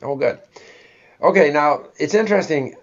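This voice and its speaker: On dull, lo-fi audio, a Canadian-accented host with a slightly high voice interviews a guest at normal speed. He was born in Sweden but grew up in Canada, and he tends to think out loud and wander conversationally.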